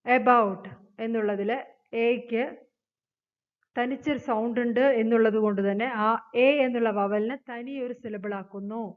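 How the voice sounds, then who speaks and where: A woman's voice: a little high, fairly even intonation. Malayali woman teaching grammar, phone-like sound. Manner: explains in Malayalam, reads English rules slowly. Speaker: English teacher. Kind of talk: grammar lesson.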